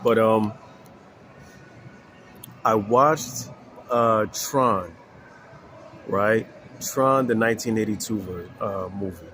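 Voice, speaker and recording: A man in his forties, congested from allergies, talking slowly to viewers about faith and films with many pauses, fillers and "right?". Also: on the low side, fairly bright tone, a little hiss or hum. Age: 40s. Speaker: faith vlogger. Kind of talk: casual spiritual talk to viewers.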